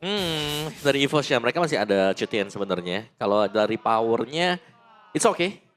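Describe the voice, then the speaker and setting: A man's voice: mid-range voice, very animated, moderate pace, a bit bright, faint music behind. A man with an Indonesian accent giving analytical esports caster commentary on a match.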